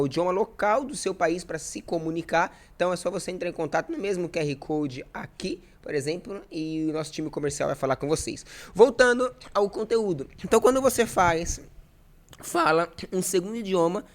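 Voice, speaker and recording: Animated man teaching to camera. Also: on the high side. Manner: animated, talks to viewers directly with rhetorical questions. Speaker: German teacher and business owner. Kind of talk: casual spoken lesson to camera.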